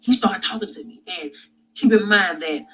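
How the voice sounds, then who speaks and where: A man recounts a dream of judgment, voice pitched high and often stumbling over restarts and fillers. He swings from hushed to loud and intense. A faint hiss sits under the recording. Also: normal speed, rough recording. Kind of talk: personal dream testimony.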